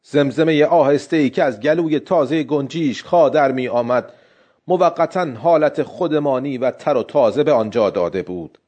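A man reading a literary story aloud in steady narration. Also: mid-range voice.

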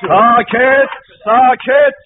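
A man's voice: sits high, lively intonation, slight background noise. A man playing a stern town police chief judging a case in a radio drama, commanding silence. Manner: commanding, repeating calls for silence. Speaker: judge. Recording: tinny lo-fi radio recording with music.

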